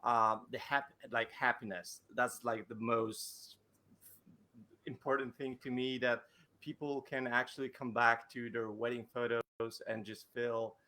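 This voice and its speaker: A man's voice: medium pitch, steady tone, measured pace, sharp tone. A male wedding photographer answering interview questions over a video call, hesitant, with many fillers and restarts.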